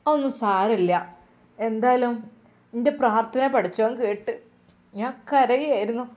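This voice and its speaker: A woman voicing a tender, devout elderly mother with a Malappuram accent, speaking slowly and fondly. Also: fairly high pitch, darkish tone, natural voice. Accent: Malappuram Malayalam.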